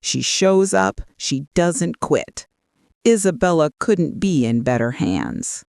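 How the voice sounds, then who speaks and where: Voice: medium pitch, big pitch swings, slow pace, creaky, darkish tone, no room sound, studio quality, exaggerated voice. A narrator voicing a loyal woman friend who vouches firmly and earnestly.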